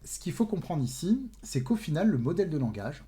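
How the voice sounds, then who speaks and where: A man with a mellow, relaxed tone walks viewers through software on his screen. He explains patiently, dropping casual fillers and checking in with his listeners, recorded at a desk mic in a home office. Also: a little high, a little fast. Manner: explanatory, frequent "d'accord" and "bah" fillers, addresses viewers directly. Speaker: tech tutorial host. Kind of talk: screen-share tutorial. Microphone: desk mic with webcam.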